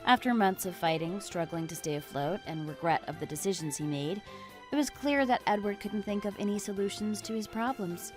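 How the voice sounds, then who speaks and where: A woman's voice: mid-range voice, brisk, faint music behind. A woman narrating a text-message story in a scripted, matter-of-fact way.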